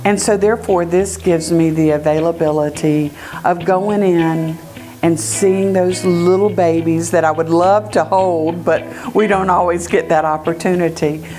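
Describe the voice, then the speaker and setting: A woman's voice: on the low side, steady tone, measured pace, dark tone. An older woman of great-grandmother age speaking as a volunteer in a conversational, personal testimonial style. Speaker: volunteer reader speaking about a community reading program. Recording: music bed under the voice.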